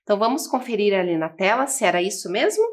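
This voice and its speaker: A Brazilian woman teaching a lesson for children, spelling and counting out letters slowly and asking the viewers questions. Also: mid-range voice, animated. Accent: Brazilian Portuguese. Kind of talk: slow, patient classroom lesson for children. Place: classroom-style studio with a table.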